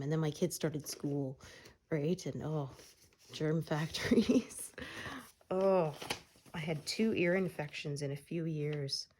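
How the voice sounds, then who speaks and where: While working on her cross-stitch, a middle-aged woman vlogs in a low, easygoing voice, rambling along with frequent fillers like "uh." A lingering cold leaves her slightly congested, and there's a little background noise.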